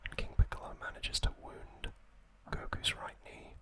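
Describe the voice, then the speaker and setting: In a gentle whisper, a man hosting ASMR speaks slowly and with pauses, his mouth near the mic, as he reads out episode summaries and chats to his audience.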